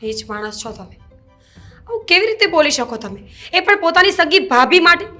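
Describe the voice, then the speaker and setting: A woman's voice: very high voice, big pitch swings, moderate pace, bright, forceful tone, soft background music, exaggerated voice. An actress playing a young married woman who firmly and indignantly pushes away her brother-in-law. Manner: firm, indignant. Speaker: actor in a web drama.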